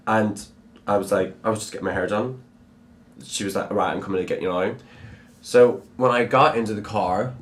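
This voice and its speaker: A young man, a drag performer, telling his own story candidly in a documentary interview, reflective and full of "like" fillers. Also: on the low side. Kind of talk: personal testimony in a documentary.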